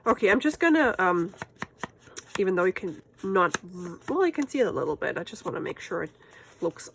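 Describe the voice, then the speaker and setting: Speaking in a brisk mid-range voice with big swings in pitch, this native German speaker hosts a crafting channel and has a German accent. She chats away and laughs at herself while crafting at home, often talking to herself as she goes. There's background noise in the clip.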